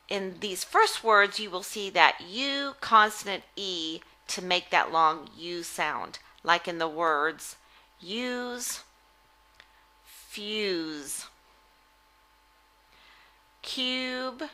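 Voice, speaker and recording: A woman giving a phonics lesson as a reading teacher, deliberately enunciating words in an instructional way. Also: mid-range voice, sharp tone. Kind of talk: phonics lesson, word-by-word articulation drill.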